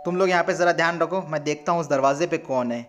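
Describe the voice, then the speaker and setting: A man acts out an earnest young hero in a fan machinima, pressing his allies with urgency. The voice sits fairly high. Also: fast talker, over music, lightly acted. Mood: urgent. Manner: urgent pleading.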